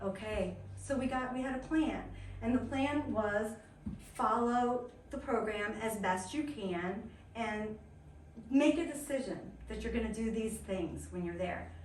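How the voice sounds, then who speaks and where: Woman presenter, upbeat storyteller with quick asides, fairly high voice, caught from across an echoey room with faint background ambience. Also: distant mic, slight background noise. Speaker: wellness coach giving a talk. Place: indoor event room at a chiropractic office.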